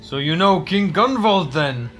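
A man's voice: high-pitched, animated, a little slow, fairly bright tone, soft background music, pitched above the performer's own voice. A man voicing a proud barbarian warrior of a bear tribe, speaking in formal, declaiming phrases in a tabletop game. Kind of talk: in-character tabletop role-play.

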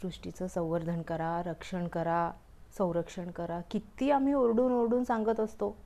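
A woman voicing a grumbling, indignant male rain cloud who talks loudly and scolds. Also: medium pitch, expressive, normal speed, natural voice. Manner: loud, complaining and scolding.

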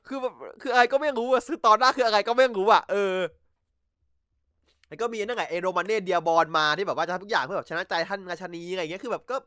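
A man hosting a casual podcast from home over a voice chat call, recapping episodes in an excitable, slangy way and swearing freely. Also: high voice, quick pace, dry recording, studio quality. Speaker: podcast host. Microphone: computer mic over voice chat.

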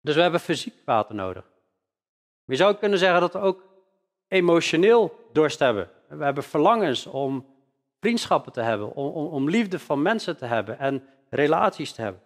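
A male preacher delivers a sermon, pressing on key words with earnest emphasis. His voice sits a little high for a man. A long reverb trails each phrase, as in a large church hall. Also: very animated, normal speed.

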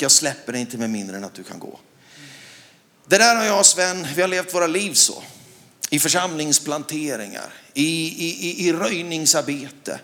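Preaching in a lively, swooping voice that sits fairly high, a middle-aged man from Sweden recounts a personal story during a sermon. He tells it with animation, builds to loud shouts, and keeps checking whether the congregation follows him.

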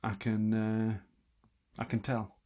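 A man talking quietly and wryly at night from a room in his house, hosting a solo radio show with lots of asides and restarts. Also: lowish voice, level tone, slow, dull audio. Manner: self-deprecating, wry, full of asides and restarts; talking quietly, half-whispering at times. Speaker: radio host. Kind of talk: rambling late-night solo radio chat.

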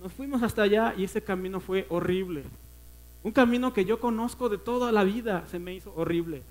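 A man with a Mexican accent preaching a personal testimony at a church service, earnest and emotional, often dropping to a hush. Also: high-pitched, brisk, low-quality recording. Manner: earnest, emotional storytelling that often sinks to a hushed voice.

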